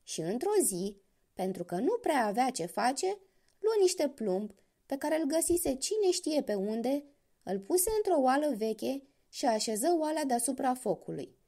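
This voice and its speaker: A woman storyteller narrating a children's fairy tale, speaking right to her young listeners. Her pitch sits fairly high and moves animatedly. The tone is warm and mellow. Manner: lively, addresses the listeners directly.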